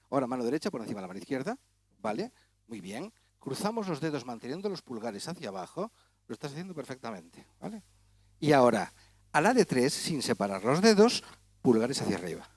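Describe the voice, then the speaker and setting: A man's voice: medium pitch, a little mellow, breathy edge, no echo. A man doing comic stage patter as a magician, teasing and chatting with volunteers in front of a gala audience. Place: auditorium stage.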